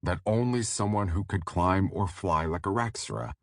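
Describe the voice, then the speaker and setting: Worried young visionary, voiced by a male narrator; low, dry, urgent. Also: moderate pace, no echo. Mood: explaining.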